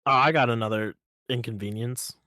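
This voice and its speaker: A man co-hosting a podcast in casual chat, telling stories in an easygoing, teasing way with halting restarts. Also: mid-range voice, steady tone, pushed and bright, no echo, studio quality. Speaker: podcast co-host.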